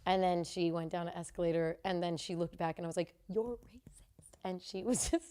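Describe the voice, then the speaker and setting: Animated woman telling a story. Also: fairly low pitch, quick pace, a little hiss or hum. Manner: animated, acts out both sides of a quarrel. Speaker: co-host. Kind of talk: casual podcast storytelling.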